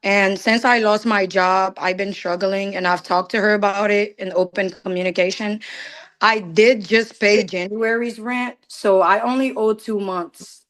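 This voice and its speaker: A woman's voice: mid-range voice, fairly bright tone. A woman tenant explaining her case to a judge, earnest and detailed.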